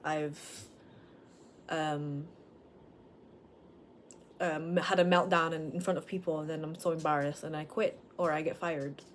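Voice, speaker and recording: A woman's voice: low voice, fairly even intonation, a little slow, long pauses, a little hiss or hum. A woman in her late twenties talking frankly at home, rambling and questioning herself in a personal vlog. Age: late 20s. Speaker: vlogger. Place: at home with dogs.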